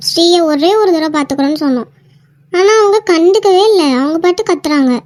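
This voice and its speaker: A performer doing a high anxious cartoon little sister. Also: brisk, a little mellow, no echo. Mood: worried. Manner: anxious, pleading. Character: young woman, worried pleading younger sister. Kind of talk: cartoon voice acting.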